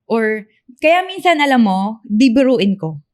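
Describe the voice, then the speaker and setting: A young woman in her twenties from the Philippines, co-hosting a podcast in casual chat, soft-spoken and hesitant. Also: on the high side, very animated, measured pace. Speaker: podcast co-host.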